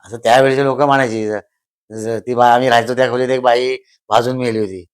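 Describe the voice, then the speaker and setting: An older man, telling stories at a slow pace and repeating phrases for emphasis. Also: mid-range voice, steady tone, clean tone. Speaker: guest, host's father. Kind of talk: casual storytelling.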